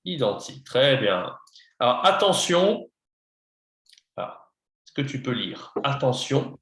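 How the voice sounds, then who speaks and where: A man's voice: mid-range voice, very animated, slow pace, fairly bright tone, reverberant. A man teaching a beginner French lesson, patient, spelling words out letter by letter and slipping into English to explain. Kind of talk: one-on-one beginner lesson, slow and repetitive.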